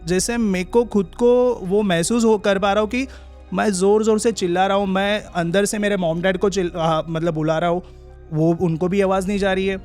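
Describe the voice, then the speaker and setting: High-voiced young man telling a story. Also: steady tone, darkish tone, soft background music. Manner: halting, drawn-out pauses and restarts. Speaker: podcast guest. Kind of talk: casual storytelling in an interview.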